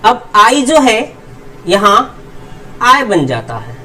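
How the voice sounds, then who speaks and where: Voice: medium pitch, wildly swooping pitch, sharp tone, far from the mic, a little hiss or hum, rough recording. A teacher explaining English pronunciation, answering their own rhetorical questions and drilling each word with its meaning. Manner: repeats rhetorical questions and answers them itself; drills word pairs slowly, word then meaning. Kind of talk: explanatory lesson.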